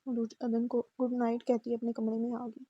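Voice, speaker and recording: Dark-toned woman reading a novel. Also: a little high, moderate pace, slightly rough, dry recording. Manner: steady, even reading. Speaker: audiobook narrator. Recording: dull muffled recording.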